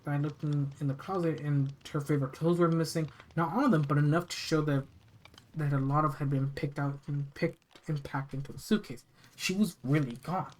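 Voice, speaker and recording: Halting storyteller reading a scary story aloud. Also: medium pitch, a little mellow, low-quality recording. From United States. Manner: halting reading, often stumbling and repeating phrases. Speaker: narrator reading scary stories. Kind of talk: reading a first-person horror story aloud, with casual asides.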